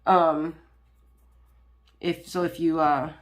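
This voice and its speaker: A low-pitched woman with a stuffy, nasal voice from a cold talks loosely to her viewers as she crafts. She wanders from thought to thought, filling pauses with ums and restarting sentences. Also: flat delivery. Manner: rambling, many ums and restarts. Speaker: crafting channel host. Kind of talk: casual chat while diamond painting.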